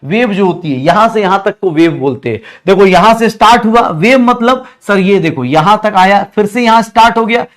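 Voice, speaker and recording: High-voiced man teaching a lecture. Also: expressive, a little fast, hardly any pauses, a bit bright. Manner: repeats questions to the class and answers them himself; mixes English science terms into Hindi. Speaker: chemistry teacher. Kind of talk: online lecture.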